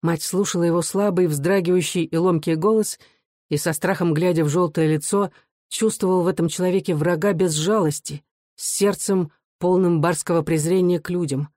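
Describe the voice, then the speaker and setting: Measured audiobook narrator, dry sound. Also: medium pitch, steady tone, warm tone, dry recording. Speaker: audiobook reader. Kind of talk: literary narration.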